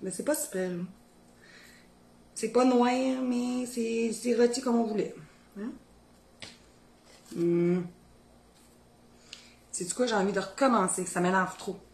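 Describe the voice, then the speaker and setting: In a roomy-sounding home kitchen, a woman with a Beauce Québécois French accent cooks on video and chats casually, musing aloud in everyday Québécois. Her voice is a little high and darkish, unhurried, with long pauses.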